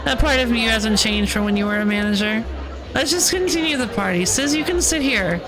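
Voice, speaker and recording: A woman's voice: a little high, brisk, a crowd in the background, lightly acted, rough recording. A woman voicing a carefree, tipsy man in a video game, breezy and familiar as he talks. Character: carefree, boastful, tipsy man dodging work to party. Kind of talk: reading video game dialogue aloud in character.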